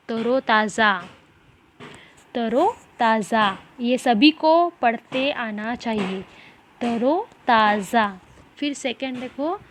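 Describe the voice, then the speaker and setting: Slow, high-voiced woman teacher. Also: slight background noise. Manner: slow, syllable-by-syllable reading drills with repeated questions. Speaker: primary school teacher. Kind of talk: online class lesson.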